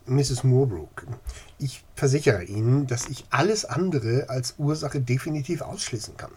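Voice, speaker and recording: A man's voice: mid-range voice, animated, normal speed, a little mellow, husky. A man voicing a hesitant, formal male park manager who explains things at length. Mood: earnest. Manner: hedging, long-winded and formal.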